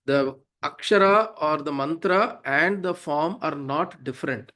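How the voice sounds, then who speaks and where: Man, South Indian accent, slightly high voice, informal teaching, didactic, checks in with listeners. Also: unhurried, sharp tone. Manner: didactic, with frequent check-in questions. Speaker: teacher of Sanskrit devotional hymns. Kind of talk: informal explanatory lesson.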